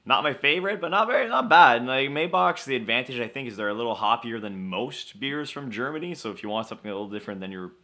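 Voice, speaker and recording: A man's voice: mid-range voice, animated, fast talker, hardly any pauses, pushed and bright. A young man co-hosting a casual beer chat, explaining history with wry humor. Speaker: co-host of a beer show.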